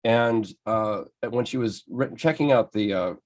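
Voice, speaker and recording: Speaking a little slowly in a lowish voice, an American man presents a slide-based photography lecture to a club. He's enthusiastic and conversational, often restarting as he goes.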